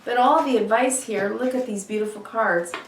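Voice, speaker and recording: A woman's voice: a little high, moderate pace. A woman giving an unscripted mystical horoscope tarot reading, earnest and reassuring, speaking directly to the listener, with a slightly froggy throat. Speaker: tarot reader. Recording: roomy echo, distant microphone.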